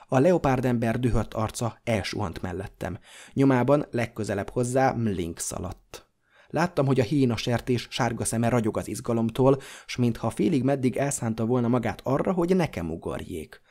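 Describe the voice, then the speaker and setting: Male audiobook narrator with a warm, dark tone who reads steadily and dramatically. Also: medium pitch.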